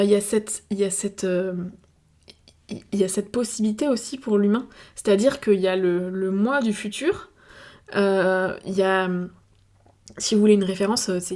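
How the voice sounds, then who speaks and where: This woman's mid-range voice is steady and darkish, at a normal speed. A French-accented video creator from France, she offers a casual, reflective monologue to her viewers, thinking aloud with lots of fillers and restarts.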